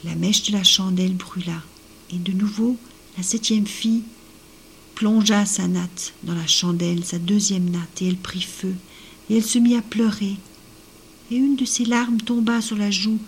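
A woman's voice: mid-range voice, fairly even intonation, moderate pace, slight background noise. A woman telling a folk tale, often dropping her voice to a whisper. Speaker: storyteller.

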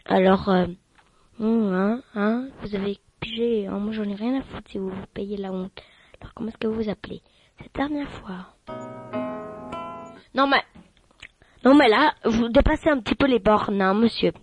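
A woman's voice: mid-range voice, measured pace, long pauses, muffled recording, soft background music. A woman hosting a mock radio show in an improvised comic sketch, scolding and swearing with many "hein" fillers.

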